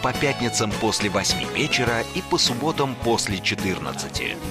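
A man announcing a scripted radio promo in a smooth, upbeat way. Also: mid-range voice, big pitch swings, a little fast. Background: loud music.

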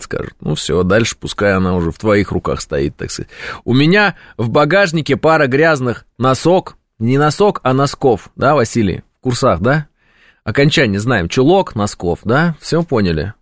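Male talk host, wide-ranging lively pitch, dry close sound, sarcastic banter. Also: no room sound. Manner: ironic, mock-indignant, mimics callers in silly voices. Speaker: radio show host reading listener messages. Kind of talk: casual talk show banter.

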